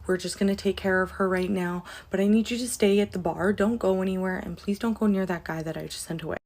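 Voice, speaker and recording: Woman doing protective lady bartender, calm, firm, skit voice. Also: mid-range voice, quick pace, voice pushed down, natural voice. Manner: calm and firm under pressure. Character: caring, protective female bartender.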